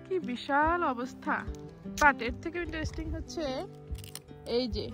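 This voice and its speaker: A woman's voice: high-pitched, normal speed, over music. A woman from Bangladesh, a travel vlogger, chatting casually to camera from a clifftop by the sea, often repeating and restarting her words. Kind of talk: casual vlog talk to camera.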